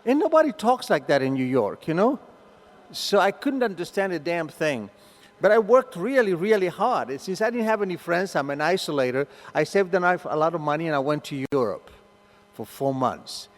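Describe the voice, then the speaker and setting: An older man with a heavy Argentine Spanish accent shares his story at a recovery meeting, very animated and at a moderate pace. His pitch runs a little high and jumps around as he acts out the different voices. The hall is reverberant, so each phrase keeps ringing after he finishes it.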